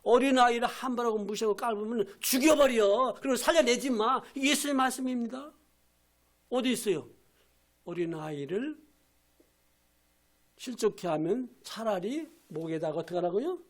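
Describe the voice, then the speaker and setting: An older man, a pastor emeritus, preaching a Sunday sermon with emphatic repetition, rhetorical questions and shouted quotes. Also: very high-pitched, lively intonation, moderate pace. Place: church sanctuary.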